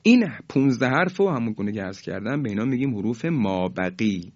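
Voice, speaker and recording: A man's voice: medium pitch, lively intonation, a little mellow, slightly rough. Patient man teaching Quran recitation, lo-fi. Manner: explains patiently, then chants each example slowly and drawn out; formal and polite, asks students to repeat after him. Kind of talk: recorded lesson on Quran recitation rules. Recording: dull lo-fi recording.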